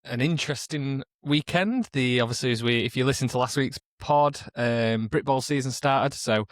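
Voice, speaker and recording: A young man co-hosting a casual sports podcast from a kitchen, relaxed and rambling with dry humour. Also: medium pitch, normal speed, dry recording. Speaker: podcast co-host.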